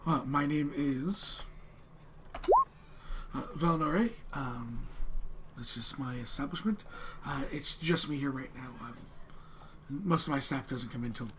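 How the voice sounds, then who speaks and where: Man playing a halting female dragonborn tavern keeper. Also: medium pitch, lightly acted. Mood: polite, welcoming. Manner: hesitant, halting, apologetic. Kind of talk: improvised tabletop game role-play. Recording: clearly noisy room.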